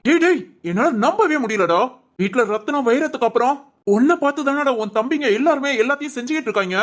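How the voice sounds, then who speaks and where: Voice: sits high, animated, fast. An actor playing a stern middle-aged uncle who lectures his nephew in a raised, indignant voice in a village family drama. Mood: angry.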